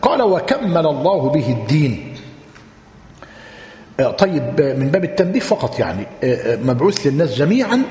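A man's voice: mid-range voice, darkish tone. Man lecturing in an echoey hall. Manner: repeats points slowly, quizzes listeners. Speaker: religious teacher. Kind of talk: lecture explaining a text.

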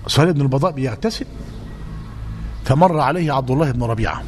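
Emphatic Egyptian preacher in a reverberant hall. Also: male voice, medium pitch, fast, faint music behind. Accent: Egyptian Arabic. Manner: animated and emphatic, repeating key phrases. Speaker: religious teacher. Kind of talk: religious lesson with Q&A. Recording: reverberant hall, faint noise.

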